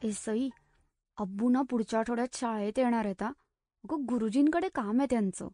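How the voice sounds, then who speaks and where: A woman voicing a lively, bossy little schoolgirl in a storybook reading, calling out excitedly. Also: on the high side, normal speed, soft background music, natural voice. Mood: confiding. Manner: excited, calls out loudly.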